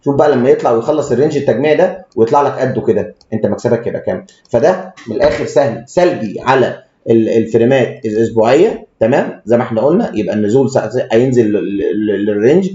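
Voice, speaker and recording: A man's voice: mid-range voice, animated, fast, hardly any pauses, warm tone. A man with an Egyptian Arabic accent giving blunt, crude stock market commentary and stumbling over frequent restarts. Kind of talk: rapid technical market commentary. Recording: echoey room, dull lo-fi sound.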